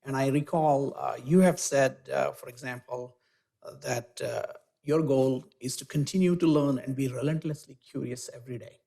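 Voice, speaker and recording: In a university auditorium before a live audience, a man moderates a lecture, first giving a formal, eager introduction and then interviewing the guest with small hesitations. His mid-range voice is gravelly and warm, at a normal speed.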